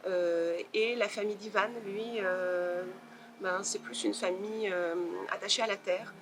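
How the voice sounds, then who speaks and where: A woman novelist answering interview questions in a thoughtful way, pausing often to search for her words. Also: medium pitch, fairly even intonation, noisy background.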